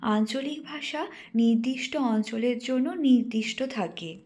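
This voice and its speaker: A young woman, a teacher trainee, reading a lesson aloud in a careful, instructive way and slowing down to spell out example words. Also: a little high, darkish tone. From West Bengal, India. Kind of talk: read-aloud lesson presentation.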